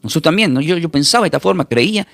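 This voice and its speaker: A man, a pastor teaching a recorded Bible class in an emphatic preaching manner, repeating words and slowly spelling out terms. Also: on the high side, animated, vocal fry, a bit bright, no echo.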